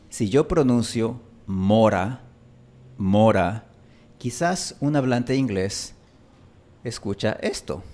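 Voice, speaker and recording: A man hosting a phonetics lesson as a teacher, speaking deliberately and repeating example words slowly to demonstrate their sounds. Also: mid-range voice, a little mellow. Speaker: Spanish pronunciation teacher and channel host.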